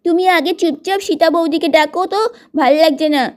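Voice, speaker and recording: A woman voicing a bossy, easily annoyed young aunt in a doll-play story, complaining loudly. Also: very high-pitched, a little fast. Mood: irritated.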